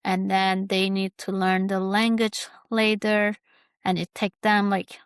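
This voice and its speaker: Speaking slowly in a mid-range, fry-tinged voice, this young podcast host shares something personal, often pausing, trailing off and starting again amid plenty of fillers. Her tone is fairly even. She comes from the Kurdish region of Turkey, Kurdish is her first language, and the audio is close and dry with no room sound.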